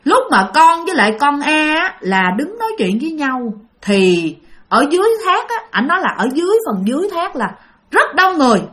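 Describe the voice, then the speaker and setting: A woman's voice: high voice, very animated, brisk, fairly bright tone. A woman telling a ghost story in a casual, chatty way and addressing listeners directly.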